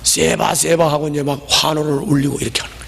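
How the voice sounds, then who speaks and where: A man preaching a lively sermon as a pastor, telling the story and speaking directly to his congregation. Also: on the high side, quick pace, vocal fry, slight background noise. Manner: animated, storytelling, talks to the congregation. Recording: long hall reverb.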